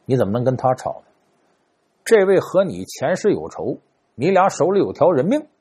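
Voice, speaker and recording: Brief: man playing a cunning fortune teller in a storytelling, husky, hushed and persuasive. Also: on the high side, big pitch swings, moderate pace. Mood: hushed ominous. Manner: coaxing, conspiratorial, hushed warnings. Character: shrewd smooth-talking male street fortune teller.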